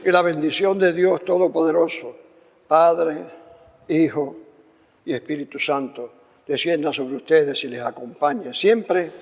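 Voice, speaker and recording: A man, a priest leading Mass prayers in a measured, solemn way, heard through a long cathedral-like reverb. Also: a little high, vocal fry. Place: large church. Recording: voice in a long, echoing church reverb.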